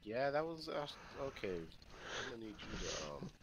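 Deep-voiced man commenting on his game. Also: normal speed, noisy background. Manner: excitable, jokey banter with a friend. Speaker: let's play host. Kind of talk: casual gameplay commentary.

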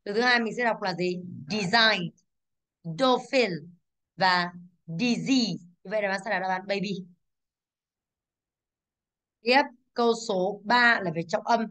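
A woman runs briskly through the answers in an English exam class, stressing every English word and asking the students to confirm. Her mid-range voice sounds a bit bright.

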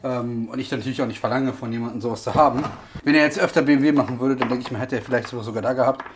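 A man's voice: mid-range voice, steady tone, racing, background noise. A man hosting a car repair vlog, casually explaining his work and thinking aloud with many fillers. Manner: chatty, lots of fillers, thinks aloud while working. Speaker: host, car mechanic.

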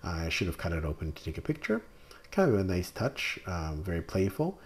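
A man's voice: sits low, big pitch swings, brisk. A man narrating a casual restaurant review over photos, talking plainly and hesitantly with many fillers. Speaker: food reviewer.

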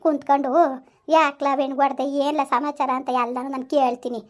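A woman's voice: high voice, little pitch movement, brisk, close to an everyday voice. A woman playing a coaxing village mother-in-law. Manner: coaxing, repetitive, forceful when threatening her son. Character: scolding but caring village mother-in-law. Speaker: mother-in-law in a family skit, also addresses viewers. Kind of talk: village family drama acting.

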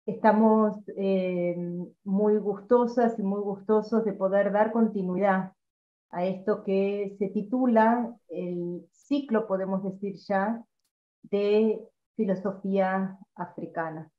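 A woman's voice: medium pitch, fairly even intonation, unhurried. A woman moderating a seminar, giving formal opening remarks with frequent hesitations and restarts over a video call. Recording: echoey, tinny video-call audio.

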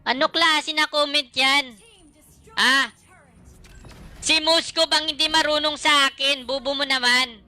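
A woman streamer narrating her gameplay live, swearing freely and trash-talking her opponents. Her voice is very bright and sits a little high. Soft game music plays behind her. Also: fairly even intonation, measured pace, long pauses. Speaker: gaming streamer.

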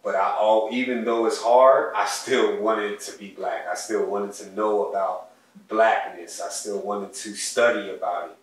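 Sitting well back from a stand microphone in his living room, shot wide, a young co-host with a lowish voice relates personal stories in a relaxed, conversational podcast. He speaks earnestly of his soul and ancestors, and the distant pickup makes the room ring with echo.

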